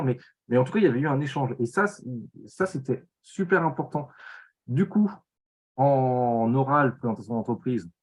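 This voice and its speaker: A man speaking casually in a tutoring session, sharing his own exam experience in a candid, self-deprecating way, often halting and restarting. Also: mid-range voice, slightly rough. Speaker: former student sharing exam advice.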